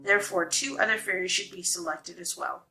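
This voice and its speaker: A woman's voice: medium pitch, fairly even intonation, fairly quick, bright, forceful tone, soft background music, close to an everyday voice, poor audio. A woman reading aloud voices a strict female fairy teacher who lays down rules sternly. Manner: stern, exacting and officious.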